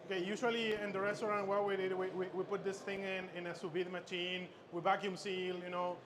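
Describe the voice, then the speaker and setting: Chef instructor from Chile, male, raised pitch, stop-start cooking demo patter over loud expo noise. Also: little pitch movement. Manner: halting, many fillers and repeated words. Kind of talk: live cooking demonstration. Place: expo stage. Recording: noisy expo hall ambience.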